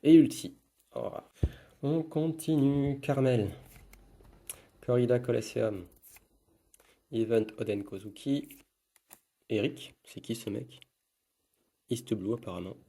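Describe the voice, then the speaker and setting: A man's voice: medium pitch, slow pace, pauses often, warm tone. A man giving casual running commentary while opening trading card packs, murmuring card names one after another.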